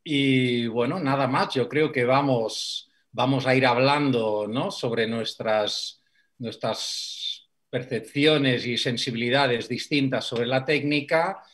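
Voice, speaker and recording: Slow, relaxed Spanish man. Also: medium pitch. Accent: Spain. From Spain. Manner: relaxed, with many fillers. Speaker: Alexander Technique teacher. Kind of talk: panel introduction over video call. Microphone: video call.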